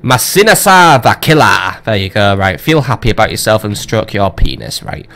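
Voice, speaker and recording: A man's voice: on the low side, lively intonation, a little fast, a bit bright. A man casually commentating on his strategy game as a let's play host, rambling with joking, swearing asides.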